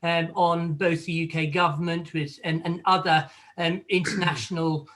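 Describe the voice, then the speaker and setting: Halting man giving a panel comment. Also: on the high side, little pitch movement, a bit bright. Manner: halting, many fillers and repeats. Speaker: panel guest. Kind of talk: discussion comment.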